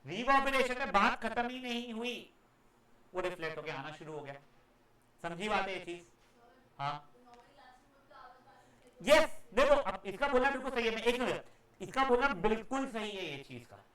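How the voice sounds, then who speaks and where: A male teacher giving a live classroom lecture, acting out echoes for his students, calling them "beta" and now and then scolding them loudly. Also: high-pitched, very animated, moderate pace, long pauses. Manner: demonstrative, acts out echoes and calls students "beta".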